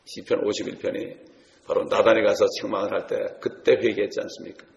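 A man's voice: fairly low pitch, flat delivery, brisk, vocal fry, reverberant, big-room sound, a little hiss or hum. A man preaching a sermon to his congregation, telling stories and speaking to them directly. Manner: storytelling, addresses congregation directly. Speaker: pastor.

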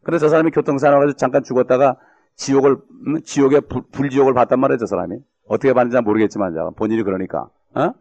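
A man's voice: mid-range voice, darkish tone, muffled recording. A man preaching a sermon as pastor, often tossing rhetorical questions to his congregation. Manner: gravelly, fast-talking, rhetorical questions to the congregation.

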